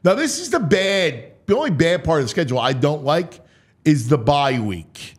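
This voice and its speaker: An American man hosting a sports talk show breaks down a schedule dramatically and with animation, using theatrical, announcer-style proclamations and casual asides. His voice is fairly high and sing-song, slightly rough, at a moderate pace.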